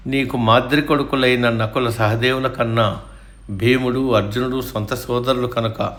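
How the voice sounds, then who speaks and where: A man's voice: medium pitch, steady tone, normal speed, a bit bright, lightly acted. A man voicing a cunning, taunting older gambler in a storybook reading of an epic. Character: cunning scheming older male uncle, gloating gambler.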